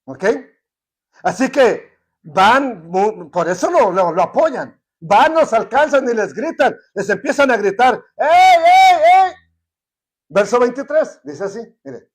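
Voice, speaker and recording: A man's voice: high voice, sing-song, measured pace, slightly rough. A man teaching a Bible study in a conversational way, often checking in with rhetorical questions.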